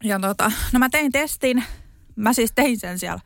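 A woman's voice: fairly high pitch, expressive, vocal fry, dry recording, clean studio sound. A young woman co-hosting a podcast, chatting casually and retelling a story with lots of fillers. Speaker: podcast co-host. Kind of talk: casual chat.

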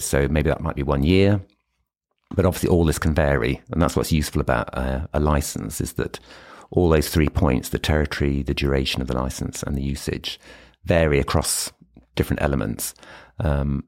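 A man's voice: a bass voice, darkish tone. A British man speaking as an expert podcast guest in a meeting room, explaining things step by step with examples. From United Kingdom. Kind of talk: explanatory interview talk.

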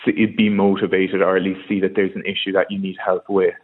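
A man with an Irish accent from Kerry giving a personal account in a radio interview, speaking in a hesitant, halting way. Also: sits low, little pitch movement. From Kerry, Ireland. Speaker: radio phone-in guest. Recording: muffled narrow-band call.

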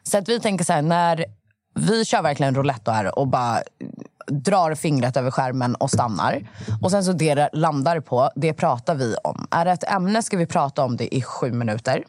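A woman from co-hosting a casual podcast chat, her voice sitting low for a woman. She tells stories with animation and slips into the voices of the people she quotes. The recording is dry and close. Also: expressive, darkish tone, no room sound. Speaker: podcast co-host.

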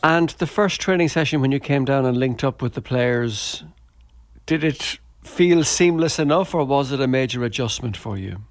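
A man's voice: mid-range voice, normal speed, no room sound, clean studio sound. A man with an Irish accent asking questions in a conversational sports interview.

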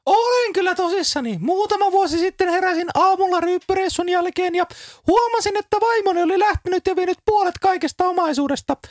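A man voicing a boastful legless gambler in a comedy sketch, speaking in a shrill, high voice. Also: no room sound, clean studio sound.

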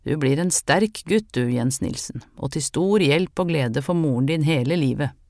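A reader doing a gruff old healer woman. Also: mid-range voice, darkish tone, no echo, studio quality, natural voice. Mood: stern. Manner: gruff, matter-of-fact commands. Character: stern old woman folk healer, brusque. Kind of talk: audiobook character reading.

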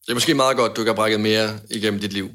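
A man's voice: lowish voice, steady tone, fairly bright tone. A man co-hosting a casual chat who gives short replies and makes teasing jokes. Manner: laid-back, brief replies and teasing jokes. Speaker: podcast co-host.

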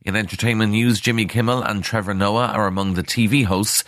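An Irish man reads a scripted news bulletin in a very low voice. The sound is dry and close, as in a radio studio. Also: steady tone, fairly quick, a bit bright, no echo. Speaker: news reader.

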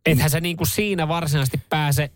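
A man's voice: fairly high pitch, fairly even intonation, dry recording. A man hosting a morning radio show, chatting and musing with frequent restarts into a studio microphone. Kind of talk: casual radio chat.

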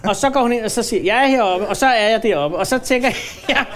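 Podcast host guy in his 50s, high voice, rambles on with lots of ums telling a story. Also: lively intonation, a bit bright. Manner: rambling, hesitant, many fillers. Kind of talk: casual storytelling chat.

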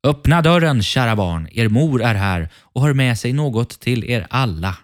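A man's voice: mid-range voice, animated, pitched above the performer's own voice, lightly acted. A man voicing a sly, hungry male wolf who raises his voice to pass as a mother goat. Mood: wheedling. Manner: wheedling, falsely sweet.

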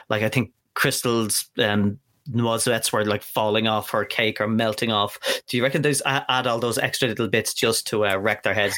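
A man's voice: medium pitch, fairly bright tone. Laid-back jokey man podcast co-host. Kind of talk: casual chat.

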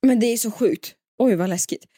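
A woman's voice: fairly high pitch, warm tone, slightly rough, no echo. Chatty young woman, dry close podcast mic. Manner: chatty, rambling with restarts and laughter. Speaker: podcast co-host. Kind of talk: casual podcast chat.

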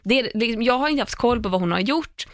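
A young woman chatting casually on a podcast, telling an animated story full of fillers and restarts. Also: a little high, dry recording, clean studio sound. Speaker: podcast host.

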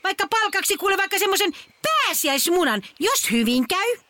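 A woman's voice: very high-pitched, very animated, pushed and bright, dry recording, pitched above the performer's own voice, exaggerated voice. A woman doing a grumpy old Easter witch. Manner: grumbling, bossy, brushes off children's chatter. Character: cranky old female Easter witch on a broom. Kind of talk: children's audio story acting.

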